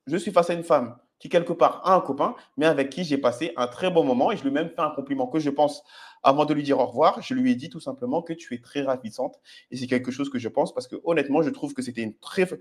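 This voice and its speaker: Commenting on clips of himself approaching people, a man speaks quickly in a slightly high voice. As a dating coach, he lays out his advice to viewers in a direct, teaching style, frequently adding "ok?" to check in.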